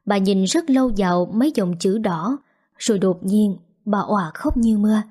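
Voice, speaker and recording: A woman reading a sorrowful first-person novel aloud in a slow, steady narration. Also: mid-range voice, husky. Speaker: audiobook narrator.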